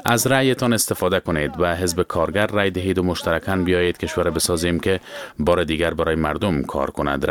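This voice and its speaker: A man reading the news in a measured, formal way. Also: sits low. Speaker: newsreader. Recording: dry studio sound.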